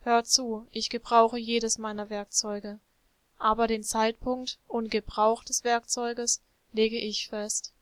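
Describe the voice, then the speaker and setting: A woman's voice: on the high side, flat delivery, slow pace, clear, resonant tone, dry recording. A woman voicing a patient, loving male potter who explains things tenderly to his clay jug in a storybook.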